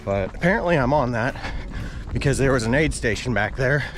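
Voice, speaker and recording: A man's voice: medium pitch, expressive, fairly quick. A man chatting casually to viewers as a vlogger, talking while out running outdoors on an action camera. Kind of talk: casual vlog chat. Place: outdoors on roads by fields. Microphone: action camera carried while running.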